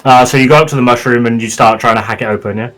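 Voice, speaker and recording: A man's voice: medium pitch, steady tone, very fast, a bit bright, faint music behind, rough recording. A man narrating a tabletop game as game master, talking players through their actions.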